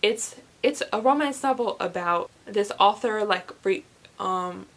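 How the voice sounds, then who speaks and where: This young woman, a book reviewer vlogger, chats casually to camera in a mid-range voice at a measured pace. She's gushing and emphatic, frequently repeating words for emphasis.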